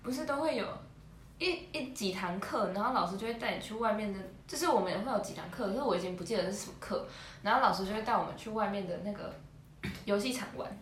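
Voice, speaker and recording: A young woman, co-hosting a podcast and telling school stories in an animated, giggly way. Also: mid-range voice, fast talker, slight background noise. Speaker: podcast co-host. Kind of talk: casual chat, storytelling. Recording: roomy echo.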